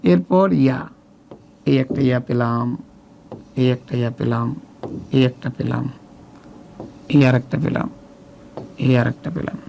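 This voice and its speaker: A Bangladeshi Bengali-accented man teaching Arabic letters to children, slowly and patiently, repeating each letter as he points. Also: medium pitch, gravelly, a little mellow, slight background noise. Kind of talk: step-by-step workbook lesson.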